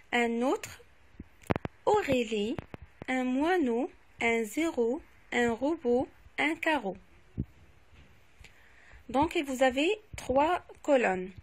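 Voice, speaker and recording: A woman teacher slowly correcting phonics exercises, saying each word twice and spelling out letters. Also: high voice, slight background noise. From Morocco. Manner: repeats each word twice, stressing sounds. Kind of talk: slow, clearly articulated classroom dictation.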